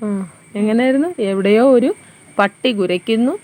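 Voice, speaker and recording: A woman's voice: a little high, moderate pace, darkish tone, a little hiss or hum. A woman playing a miming game with her daughter, teasing her and giving orders in casual family chat. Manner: playful, teasing, bossy game-giver.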